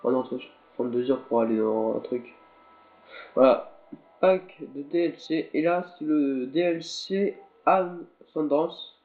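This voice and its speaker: Male gaming commentator, a bit under the weather, loose and halting delivery; tinny echoey recording. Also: medium pitch. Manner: rambling, halting, talks to viewers while playing. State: a little sick. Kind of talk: casual gameplay commentary. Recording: tinny, lo-fi, echoey capture with faint game ambience.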